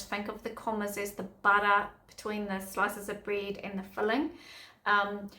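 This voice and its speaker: A woman's voice: medium pitch, a bit bright, echoey room. A middle-aged woman, giving upbeat, chatty teaching tips to other teachers. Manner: chatty, upbeat, self-correcting.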